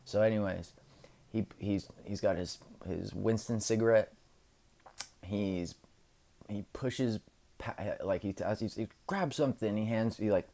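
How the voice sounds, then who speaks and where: A man's voice: lowish voice, creaky, a little mellow. A man telling a casual, rambling story for a vlog, full of filler words, recorded on his camera's own microphone. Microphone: camera's built-in microphone.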